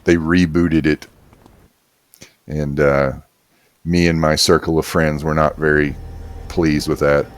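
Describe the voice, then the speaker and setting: Man, deep voice, slow pace, casual rambling gameplay chat, laughs and swears. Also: level tone. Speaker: streamer.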